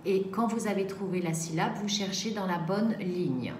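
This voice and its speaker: A woman teaching a reading lesson to young children, sounding out each syllable slowly and carefully. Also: medium pitch, a little mellow. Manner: slow, carefully articulated syllables. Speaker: primary school teacher. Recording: echoey room, faint background noise.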